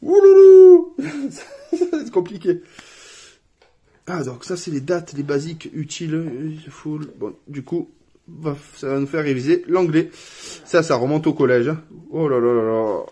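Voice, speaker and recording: A man's voice: a little high, moderate pace, a little mellow, husky. A man from France casually unboxing a family board game at home, reading cards aloud and laughing at his own English accent.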